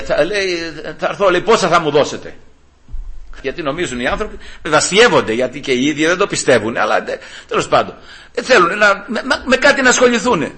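An older man in his sixties preaching a sermon to his congregation, animated and asking rhetorical questions with emphasis. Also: a little high. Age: 60s.

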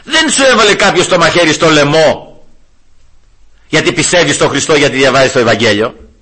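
A man in his sixties giving a sermon, preaching with swings between hushed low passages and raised, emphatic highs. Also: lively intonation, slightly rough. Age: 60s.

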